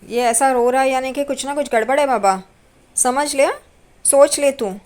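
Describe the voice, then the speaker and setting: A sarcastic grown son who teases and mocks his brother, read by a woman narrator. The voice stays high and light, close to everyday talk. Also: normal speed, darkish tone, lightly acted. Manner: sarcastic, teasing.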